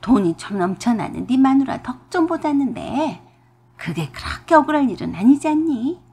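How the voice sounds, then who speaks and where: A greedy, overbearing older mother-in-law, put on by a woman reading a radio drama. She scolds and wheedles with a husky, breathy edge. Her pitch rises and falls widely through each demand. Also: animated, unhurried. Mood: scolding. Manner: domineering, scolding, shouting.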